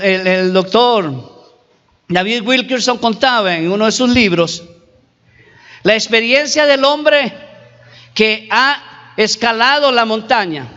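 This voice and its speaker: A man's voice: very high voice, pushed and bright. A man preaching a sermon as pastor, emphatic, repeating and stretching key words. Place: church hall. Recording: reverberant hall, dull lo-fi recording.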